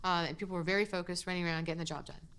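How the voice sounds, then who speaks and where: A woman's voice: on the low side, fairly even intonation, rapid-fire, fairly bright tone, smooth. Candid, emotional woman analyst. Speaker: counterterrorism analyst. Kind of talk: documentary interview.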